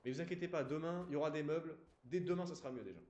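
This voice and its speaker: A man's voice: fairly high pitch, very fast, darkish tone, roomy sound. A man live-streaming a game, chatting casually and apologizing to his viewers while leaning close to a desk mic in an empty room.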